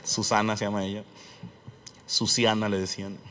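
A man's voice: fairly low pitch, moderate pace. A man with a Mexican accent doing a stand-up monologue on a comedy stage, telling stories with plenty of swearing and acting out the people he quotes. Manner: profane, lively storytelling, acting out quoted voices.

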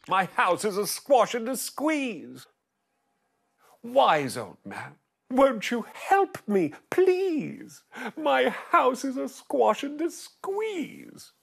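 A man voicing a fussy, flustered little old woman who wails and pleads in a high voice. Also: vocal fry, a bit bright, a little hiss or hum, full character voice.

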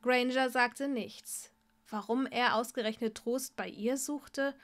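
A woman reading fan fiction aloud in a steady storytelling voice. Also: a little high, slow pace. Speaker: story reader.

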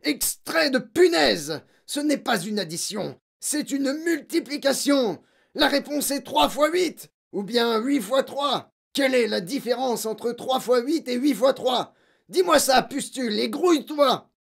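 A narrator voicing a huge, brutal, bullying headmistress in an audiobook, barking and shouting insults. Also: medium pitch, very animated, normal speed, gravelly, voice pushed up. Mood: furious. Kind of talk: audiobook character voice.

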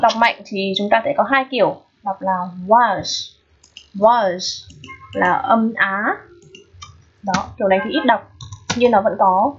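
A woman with a slightly husky voice talks students through a pronunciation lesson. She is patient and often checks in with them through quick questions. The recording is dull and lo-fi. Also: mid-range voice. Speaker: English teacher.

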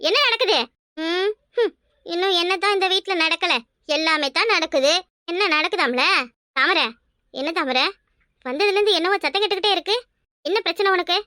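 A woman plays a quarrelsome village mother-in-law in a cartoon, nagging in a high, bright voice. She fires off her words fast in a Kanyakumari Tamil accent. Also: dry recording, clean studio sound. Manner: nagging, shouting. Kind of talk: cartoon voice acting.

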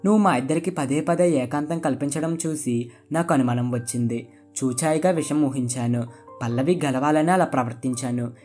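A storyteller voicing a husband who calmly explains himself to his wife, read in a plain earnest way. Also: mid-range voice, normal speed, faint music behind, natural voice. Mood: reassuring.

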